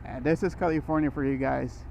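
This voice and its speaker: A man's voice: mid-range voice, fairly even intonation, brisk, vocal fry, darkish tone. A man who grew up in Brazil, talking casually and rambling as he rides a motorcycle through city traffic, recorded on a helmet mic. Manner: rambling, with restarts and short laughs. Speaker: motorcycle vlogger. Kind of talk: casual riding commentary. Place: riding a motorcycle on city roads. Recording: muffled helmet audio with road noise.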